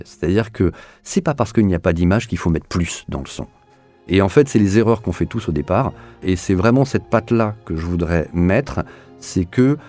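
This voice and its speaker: In a lowish, dark voice, a man interviewed as the director of an audio series explains his own work. He speaks hesitantly, often repeating words while his thoughts take shape.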